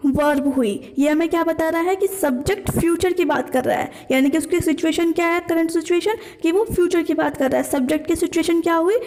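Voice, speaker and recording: A woman teaching English grammar, asking herself questions and answering them, and reading the example sentences slowly. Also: high-pitched, a little mellow, in a large hall. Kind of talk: explaining grammar lesson.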